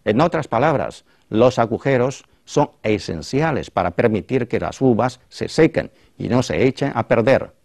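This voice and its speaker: Animated male language teacher, dry sound. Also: medium pitch, normal speed, hardly any pauses, dry recording. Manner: clear, explanatory, reads and translates phrases. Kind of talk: explaining Chinese to a Spanish-speaking audience.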